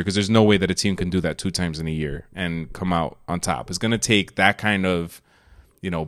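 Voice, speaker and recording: A man's voice: sits low, fairly bright tone. A man co-hosting a podcast, giving blunt, opinionated takes in casual sports chat and swearing freely. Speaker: podcast co-host.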